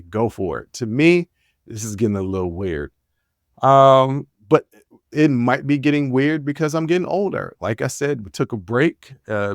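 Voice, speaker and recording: Here a gravelly, mid-range male voice belongs to a podcast host in his forties from Washington, D.C. He rambles through a casual solo monologue in a candid, relaxed manner, full of fillers and restarts. The sound is dry and clean, studio quality.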